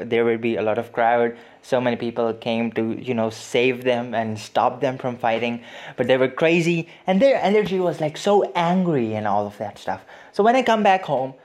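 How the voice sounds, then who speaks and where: A man's voice: mid-range voice, darkish tone. A young man from Pakistan hosting a casual motivational podcast, chatting in a rambling way with many fillers and restarts. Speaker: podcast host.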